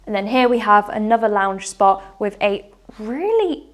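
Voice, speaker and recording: Slight background noise accompanies this expressive, medium-pitched woman speaking at a moderate pace. She's young and enthusiastic, presenting an upbeat walking tour of a large furnished house indoors, gesturing as she goes and wearing a lapel mic.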